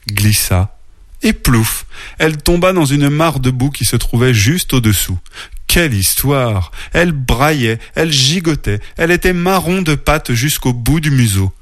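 A man narrating a children's storybook aloud in a playful, expressive read-aloud manner. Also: medium pitch, moderate pace, no room sound, clean studio sound.

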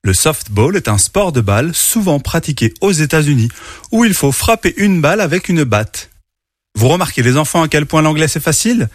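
A man hosting a children's show, teaching English words slowly and telling a storybook tale. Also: a little high, very animated. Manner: slow, clear, spells out words for kids.

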